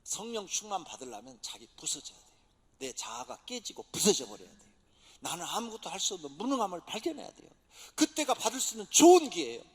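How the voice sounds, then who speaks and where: A pastor preaching a dramatic sermon, swinging from loud exhortation to near-whisper, recorded in a church sanctuary. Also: male voice, sits high, sing-song, quick pace, creaky, breathy edge. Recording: long church hall reverb.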